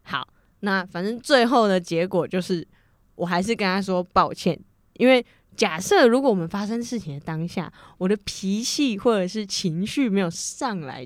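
A woman's voice: on the low side, no room sound. A young woman with a Taiwanese Mandarin accent chatting casually on a podcast, acting out both sides of an argument and laughing often. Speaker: podcast co-host. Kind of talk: casual chat.

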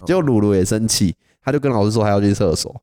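Fast-talking young Taiwanese man, low mellow voice. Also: dry recording, clean studio sound. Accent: Taiwanese Mandarin. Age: young adult. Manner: animated storyteller, laughs often. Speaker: podcast co-host. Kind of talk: casual storytelling chat.

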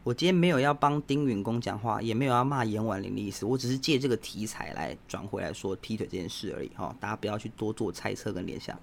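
A man's voice: lowish voice, expressive, fast, gravelly, few pauses, a little hiss or hum. Blunt Taiwanese man sounding off. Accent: Taiwanese Mandarin. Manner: blunt, provocative, lecturing the listeners directly. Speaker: podcast host. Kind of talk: casual opinion monologue.

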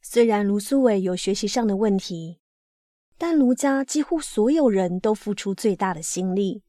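A woman reading a life story aloud as scripted narration, in a steady, even storytelling manner. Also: medium pitch, moderate pace, no room sound, studio quality, faint music behind. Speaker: reader.

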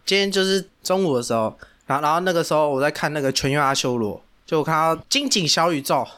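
A man's voice: a little high, expressive, quick pace, a bit bright, clear, resonant tone. A man co-hosting a casual podcast, telling a story animatedly and repeating himself for emphasis. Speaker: podcast co-host.

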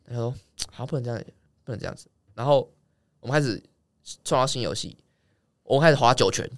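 A man's voice: medium pitch, dry recording. A young man, telling a story in a casual chat, swearing freely as he talks. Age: young adult. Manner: rapid, swearing, animated anecdote telling. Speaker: guest.

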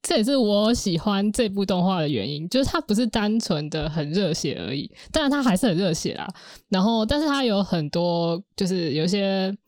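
A woman, co-hosting a podcast in casual chat. She explains things calmly and persuades gently. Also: medium pitch, fairly quick, no room sound, studio quality. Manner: calm, reasoning, gently persuasive. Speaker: podcast co-host.

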